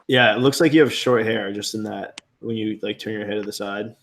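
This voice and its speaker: A man's voice: fairly low pitch, fairly even intonation, brisk, vocal fry, a bit bright. A man hosting a casual live-stream hangout, teasing his guests in a dry way and laughing often.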